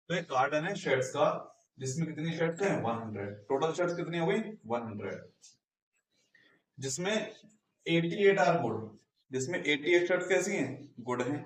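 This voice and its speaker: A male math teacher giving a Hindi-English classroom lesson, explaining step by step and asking and answering his own questions. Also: a little high. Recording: echoey room, mic at a distance.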